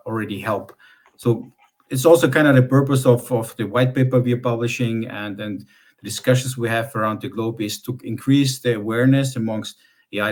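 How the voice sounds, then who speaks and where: A man explaining at length in a panel discussion, halting, with many restarts. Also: fairly low pitch. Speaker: panel expert.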